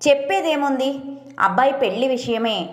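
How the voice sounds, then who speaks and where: A woman's voice: high voice, expressive, moderate pace, echoey room. A woman voicing an indignant middle-aged wife and mother who argues sharply and reproachfully.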